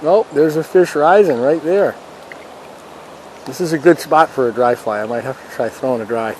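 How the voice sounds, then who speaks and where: This fishing vlogger, out in a river, offers easygoing, folksy remarks to viewers while fishing. His mid-range voice has a darkish tone and a normal speed. It's a low-quality recording, but the running water and surroundings come across clearly.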